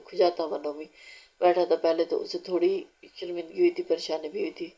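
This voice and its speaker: Low, flat woman narrating a novel. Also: breathy edge. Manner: steady, unhurried reading with small restarts. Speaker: audiobook narrator. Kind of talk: reading a romance novel aloud. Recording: dull lo-fi recording.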